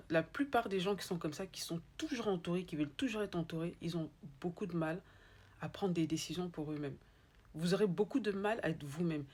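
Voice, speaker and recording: A woman's voice: fairly low pitch, slightly rough. A woman with an Ivorian French accent giving a motivational monologue, emphatic and repeating her points straight to the listener. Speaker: motivational speaker.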